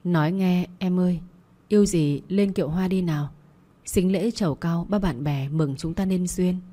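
A man's voice: sits high, moderate pace, warm tone. A woman voicing an impulsive, playful young man who speaks teasingly and tenderly. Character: impulsive young groom, playful alter ego.

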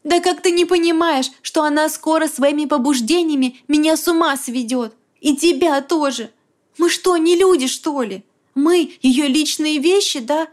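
A woman voicing a shrill, distraught young woman. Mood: furious. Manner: agitated, pleading, fast hot whisper. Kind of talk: audiobook character voice.

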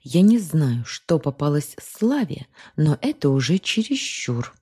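A woman voicing a quiet, reproachful older sister in an audiobook story. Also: low voice, very animated, a little slow, breathy edge, full character voice. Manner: soft, reproachful.

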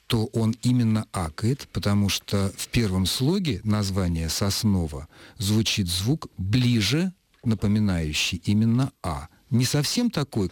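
Measured scholarly man on radio. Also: lowish voice, no echo. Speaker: linguistics professor answering letters. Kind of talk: radio talk on language. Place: radio studio.

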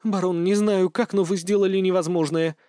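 A man's voice: sits high, fairly even intonation, brisk, mellow, no room sound, voice pushed up, close to an everyday voice. Man voicing a tired baroness, stubborn, pleading, slightly raised voice, dry sound. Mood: weary. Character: weary, stubborn noble baroness.

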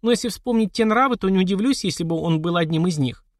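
A man's voice: high-pitched, fast talker, no room sound, clean studio sound, pitched above the performer's own voice, natural voice. A man voicing a playful, mocking widowed society lady in an audiobook. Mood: teasing. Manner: teasing, flippant.

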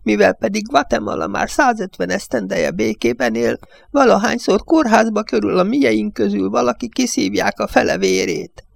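A high, bleating old village judge, angry and afraid, muttering his grievances, as a man puts him on. The voice climbs well above the reader's own with a gravelly edge. An audiobook figure. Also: very animated, no echo, full character voice. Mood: whispering. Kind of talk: audiobook reading.

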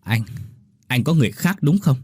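Man doing a hurt young wife, bitter and pleading, husky tone. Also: fairly high pitch, very animated, normal speed, darkish tone, dry recording, clean studio sound, pitched above the performer's own voice. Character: hurt, humble young wife selling sticky rice.

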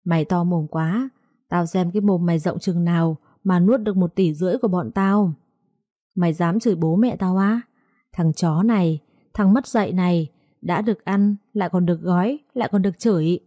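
A woman's voice: lowish voice, moderate pace, dark tone, no room sound, clean studio sound, natural voice. A woman reading aloud, voicing a crude, threatening male debt-collector thug. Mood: furious. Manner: vulgar, taunting, threatening.

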